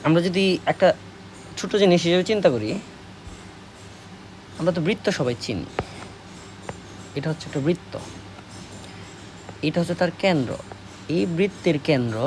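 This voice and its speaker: Brief: male math tutor, Bangladeshi Bengali accent, slightly high voice, patient quiz-and-answer delivery, faint hiss. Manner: slow, repetitive, asks questions and answers them. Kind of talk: classroom lesson explaining at a board.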